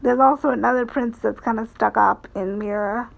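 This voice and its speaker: A woman giving casual, rambling commentary as a streamer, in a halting, hesitant way with phrases that trail off. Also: on the high side, steady tone, creaky, poor audio. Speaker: VTuber streamer.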